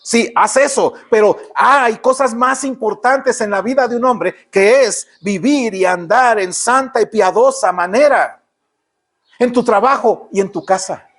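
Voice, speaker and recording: A man's voice: extremely high pitch, unhurried, fairly bright tone. A man with a Mexican Spanish accent preaching a sermon in church, often asking the congregation rhetorical questions. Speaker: pastor.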